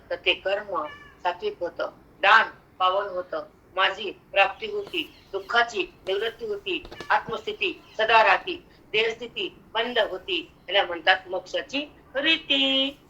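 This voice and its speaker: An older woman with a Marathi accent giving a devotional discourse on scripture, slowly chanting verses and then explaining them in lively spoken asides. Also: medium pitch, highs cut off, a little hiss or hum. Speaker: spiritual teacher expounding scripture.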